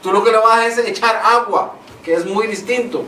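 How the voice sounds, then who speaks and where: High-voiced pastor in an echoey room. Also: male voice, brisk, pushed and bright. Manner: affirming, conversational. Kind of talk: preaching in conversation. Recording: echoey room, mic at a distance, faint noise.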